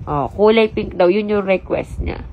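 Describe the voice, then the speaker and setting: A mother and vlogger with a Filipino accent chats casually and directly to her viewers, sounding stuffy from the flu. Her voice is medium-pitched at a moderate pace, with phone-quality audio and slight background noise.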